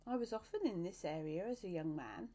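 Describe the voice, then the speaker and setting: A woman voicing an old male traveller steering a raft, in a musing, slightly lowered voice during a storybook reading. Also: expressive, fairly quick, dark tone.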